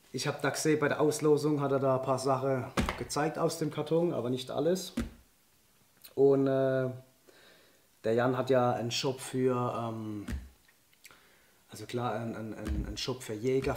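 A man's mid-range, darkish voice, slightly hoarse from a cold, carries a casual unboxing vlog as he chats enthusiastically and laughs often. He is an outdoor and shooting sports vlogger, seated at a wooden table and facing the camera. The indoor room is echoey, with faint noise.

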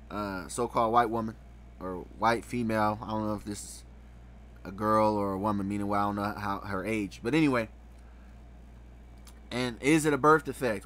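A man's voice: medium pitch, pushed and bright, a little hiss or hum. A man reading web search results aloud and commenting on them in a casual way, often adding "right?" after his points. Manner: reads aloud, then comments with frequent "right?". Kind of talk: casual screen-share commentary.

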